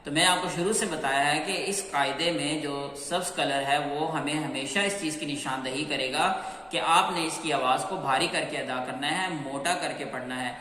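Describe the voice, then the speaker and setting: A man with a bright, fairly high voice gives a patient pronunciation lesson, drawing out each letter slowly and repeating it. The room is echoey, and each word trails off into a long reverb. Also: a little hiss or hum. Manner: slow, clear, repeats sounds and drawn-out chanted letters. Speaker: Qur'an teacher.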